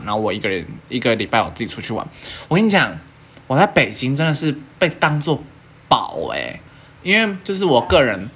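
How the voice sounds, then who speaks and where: A young woman with a Taiwanese Mandarin accent, hosting a casual podcast chat and telling stories with lots of laughter and playful swearing. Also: very deep voice. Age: young adult. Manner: animated storyteller, laughs often, swears playfully. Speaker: podcast host.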